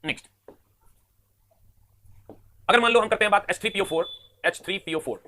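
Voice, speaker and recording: A man's voice: high voice, normal speed, pushed and bright. A man teaching a live online chemistry class, drilling terms and counting atoms aloud over and over.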